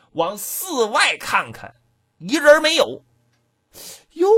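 A man telling a folk tale in an animated, rhythmic oral storytelling style. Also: high voice, husky.

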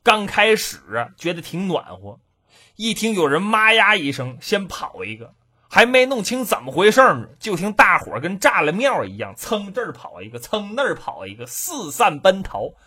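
A male storyteller spins a traditional comic tale with a high, bright voice. He delivers it in a lively, rhythmic, dramatic way, and his tone is husky at the edges. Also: moderate pace.

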